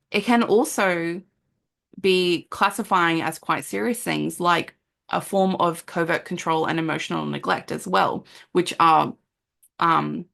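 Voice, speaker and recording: Gravelly low-voiced woman podcaster. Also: a bit bright. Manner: earnest and conversational, with frequent "um" and "like" and occasional laughs. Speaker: podcast host, parenting counsellor. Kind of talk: solo podcast monologue.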